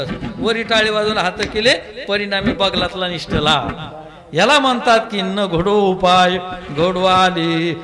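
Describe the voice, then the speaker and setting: A male kirtan preacher giving a devotional sermon. He tells humorous stories and breaks into chanted verses. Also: high-pitched. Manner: lively storyteller who breaks into chanted verses.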